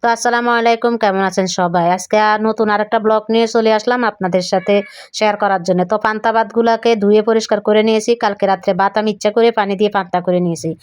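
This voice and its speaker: A young woman from Bangladesh chatting homely through a cooking voice-over, her voice a little hoarse. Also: mid-range voice, fairly even intonation, rapid-fire, no room sound, clean studio sound. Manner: chatty, homely, describing each step. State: voice keeps going hoarse. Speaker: cooking vlogger. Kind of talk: recorded voice-over for a cooking vlog.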